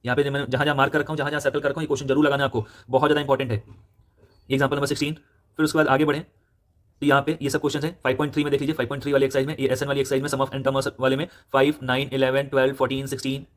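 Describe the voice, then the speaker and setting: A young man with an Indian accent, a maths tutor giving a brisk, directive textbook walkthrough, repeating his instructions and correcting himself as he goes. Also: mid-range voice, little pitch movement. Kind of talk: fast textbook walkthrough lesson.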